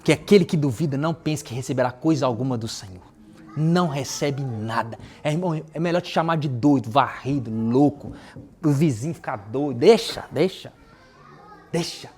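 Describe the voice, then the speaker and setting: A man preaching a sermon, telling personal testimonies in a lively way and acting out the dialogue in casual slang. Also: mid-range voice, normal speed.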